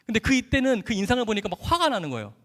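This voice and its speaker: Lively high-voiced man telling his testimony. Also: racing. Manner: animated storyteller, acts out dialogue, laughs often. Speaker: doctor giving a testimony. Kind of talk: church testimony talk. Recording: echoey hall.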